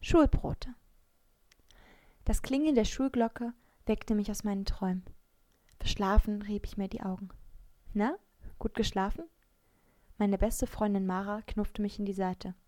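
A woman reading a first-person story aloud in an expressive way, with soft whispered asides. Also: medium pitch, moderate pace, dry recording. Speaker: story reader.

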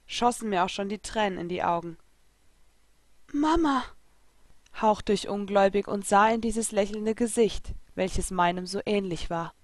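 Woman narrator, expressive first-person storybook reading, dry close sound. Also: mid-range voice, no room sound. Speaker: reader.

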